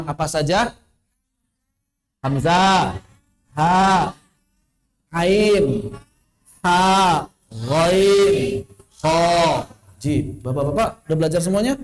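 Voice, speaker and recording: Casting note: male Quran teacher, high and animated, asks the class questions and chuckles between points. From West Java. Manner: quizzing students, rhetorical questions, chuckles. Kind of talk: online tajwid lesson. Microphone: online class recording.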